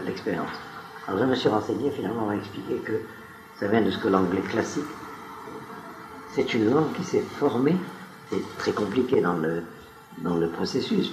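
A man giving a spoken lecture to a live audience, wandering into digressions and often turning to the listeners with questions. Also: lowish voice. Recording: echoey room recording.

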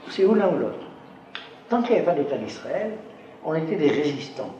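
A man's voice: a little high, big pitch swings, a little fast, dark tone, highs cut off. A man giving an emphatic lecture to an audience, often stopping to check they follow. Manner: emphatic, keeps checking with rhetorical questions. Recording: echoey room with background noise.

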